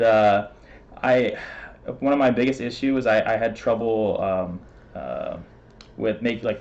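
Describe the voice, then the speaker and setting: A man speaking as a guest in a relaxed chat. His voice sits a little low, and his quick, rambling talk is full of fillers and laughs. The sound is dull and lo-fi, like stream audio. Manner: talks fast, laughs often, many fillers. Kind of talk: casual interview.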